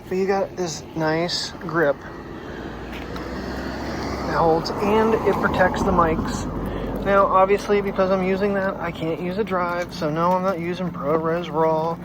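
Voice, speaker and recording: Out walking a dog at night, this man chats casually for his daily vlog, musing about gear and the cold weather. He speaks in a high-pitched, steady, unhurried way. It's recorded straight on a phone mic with background noise.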